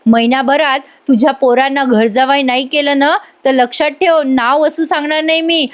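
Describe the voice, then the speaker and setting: A proud, sharp-tongued aunt scolds and taunts in a nagging tone, as a woman reads her lines. The voice sits high. She keeps needling without letup. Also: steady tone, moderate pace, lightly acted. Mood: scolding.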